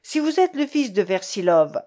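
A woman reading the part of a proud, indignant young woman, shrill with anger. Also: sing-song, moderate pace, dark tone, close to an everyday voice.

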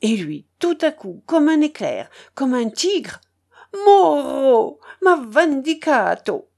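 A woman voicing a boastful old Italian ex-opera singer, pompous and theatrical, with a tremulous hoarse edge, in a read-aloud story. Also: high voice, sing-song, takes it slowly, darkish tone, pitched above the performer's own voice, exaggerated voice. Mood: exalted. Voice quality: tremulous, hoarse when singing.

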